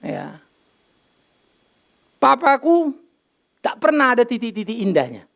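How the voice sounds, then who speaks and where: Older man, pastor, sermon; gravelly high voice, very animated storytelling. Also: takes it slowly. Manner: lively storytelling, acts out dialogue, mixes in English phrases. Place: church.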